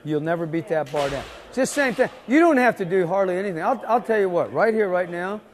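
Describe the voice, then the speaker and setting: A man's voice: high-pitched, expressive, brisk. A man coaching a lifter live, giving insistent, repeated short commands. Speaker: weightlifting coach.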